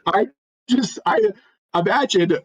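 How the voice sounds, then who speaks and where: A young man on a podcast telling a long casual story, rambling and halting and chuckling often. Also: sits high, lively intonation, crowd noise, poor audio. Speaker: podcast co-host.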